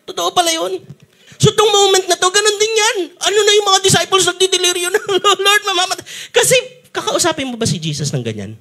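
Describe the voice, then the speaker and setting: A man's voice: very high-pitched, brisk. A man with a Filipino accent preaching a sermon as pastor, telling stories with acted-out sounds and frequent laughter. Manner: animated storytelling, acts out sounds and quotes, laughs often. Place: church stage.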